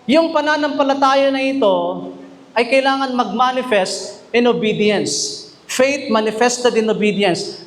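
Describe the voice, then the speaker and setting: A man preaching a sermon as pastor, mixing English and Tagalog and often asking the congregation questions. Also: very high voice. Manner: mixes English and Tagalog, often asks the congregation questions, reads verses slowly. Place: church chapel.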